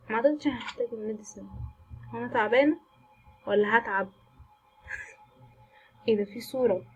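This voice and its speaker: A woman's voice: on the high side, darkish tone, breathy edge, low-quality recording. A woman with an Egyptian Arabic accent giving jumpy, chatty commentary while playing a horror game, reacting aloud to scares and mixing in English words. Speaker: gaming channel host.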